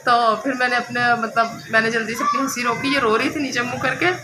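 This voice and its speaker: A woman's voice: a little high, steady tone, fairly quick. A woman in her thirties, a mother chatting casually to camera in a rambling home vlog. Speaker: vlogger, mother. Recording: loud background noise.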